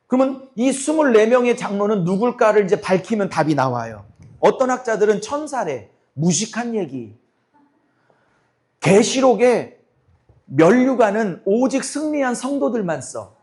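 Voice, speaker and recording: A middle-aged pastor with a high-pitched voice preaches a sermon to his congregation. Long talking has left his voice hoarse and cracking. He speaks bluntly and forcefully, constantly throwing questions at the listeners.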